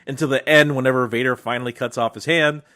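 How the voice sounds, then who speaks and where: A young man co-hosting a film podcast in a loose, conversational way. He gets animated when quoting lines and often restarts his sentences. His voice sits at an ordinary middle pitch. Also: fast talker. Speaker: podcast co-host. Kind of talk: casual film discussion.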